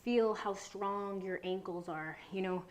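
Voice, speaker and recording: A woman in her thirties guiding a relaxed mobility flow, talking softly and breathily with many half-whispered cues. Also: medium pitch, a little slow, a little hiss or hum. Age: 30s. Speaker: yoga instructor.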